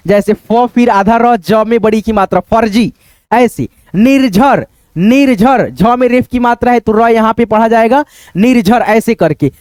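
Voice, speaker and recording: A man teaching how to read difficult Hindi words, sounding out each syllable slowly and repeating words, often checking in with his viewers. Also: high voice, darkish tone, no room sound. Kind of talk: step-by-step spelling lesson.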